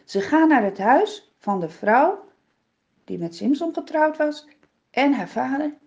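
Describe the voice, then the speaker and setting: A woman's voice: sits high, big pitch swings, a little slow, a little mellow. A woman telling a Bible story for children in a dramatic, vivid way, repeating words for effect. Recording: dull lo-fi recording.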